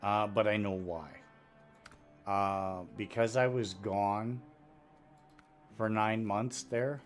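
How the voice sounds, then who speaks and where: Slow-talking man with missing front teeth. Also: on the low side, soft background music. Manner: rambling, unhurried, matter-of-fact. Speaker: video game streamer. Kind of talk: casual live-stream chat while gaming. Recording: steady background noise.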